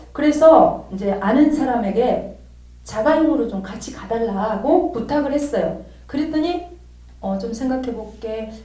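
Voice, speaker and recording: A woman teaching a church theology class, telling a personal story and acting out the dialogue with lively energy. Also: on the high side. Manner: animated storytelling, acts out quoted dialogue. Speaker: theology lecturer. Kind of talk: church lecture with personal example. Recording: roomy, distant mic.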